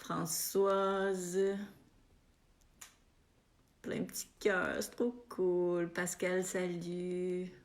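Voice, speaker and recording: A woman with a Québécois accent chats on a live stream from her home, greeting viewers one by one. She talks slowly, with many soft "euh" pauses, and her voice sits a little low. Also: little pitch movement. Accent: Québécois French. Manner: unhurried, warm-hearted greetings with frequent euh fillers.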